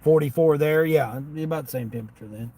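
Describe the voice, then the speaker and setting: A man with a slightly Southern American accent, a gig delivery driver hosting a livestream, chats to viewers casually and ramblingly in a folksy way from his parked vehicle. His voice is a little high, fast and breathy-edged, with steady vehicle and ambient noise around him.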